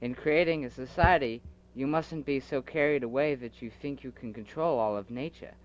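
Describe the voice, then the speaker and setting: The recording is low quality, with faint tape hiss from an aging cassette, as a man of medium pitch speaks at a moderate pace. Voicing multiple characters in his own amateur audio drama, he earnestly debates philosophy and repeatedly stumbles and starts over.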